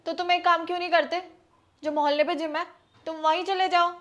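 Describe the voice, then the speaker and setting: A firm, persuasive young wife who lectures her husband on savings, played by a woman. Her voice sits high and she talks steadily, like a sensible homemaker laying down the law. It comes from a scripted family skit. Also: little pitch movement, a little fast, a bit bright, lo-fi sound.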